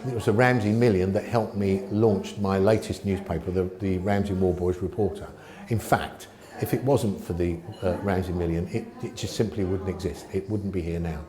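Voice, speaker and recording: Hesitant low-voiced man in echoey crowd. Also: steady tone, normal speed, hardly any pauses. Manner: hesitant, repeats words. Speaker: local newspaper publisher. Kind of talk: casual interview. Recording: echoey room with crowd behind.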